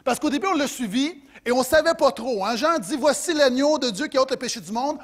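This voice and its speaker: A middle-aged man with a Quebec French accent preaching a sermon as pastor, animated, swinging between loud emphasis and soft asides. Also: extremely high pitch, fairly quick.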